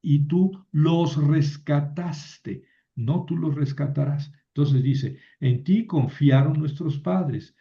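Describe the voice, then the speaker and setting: Male teacher, unhurried and hesitant, full of fillers; muffled lo-fi sound. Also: medium pitch. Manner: slow, hesitant explaining with many fillers and restarts. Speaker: biblical Hebrew teacher. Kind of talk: online class lecture.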